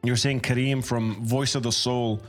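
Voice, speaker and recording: A man hosting a casual podcast interview, halting and repeating words as he phrases his thoughts. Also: medium pitch, level tone, faint music behind. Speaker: podcast host.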